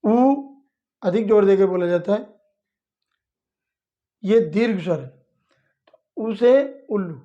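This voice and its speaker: A woman's voice: mid-range voice, warm tone, muffled recording. A woman teaching young children, explaining each step patiently and repeating it plainly. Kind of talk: slow step-by-step lesson for children.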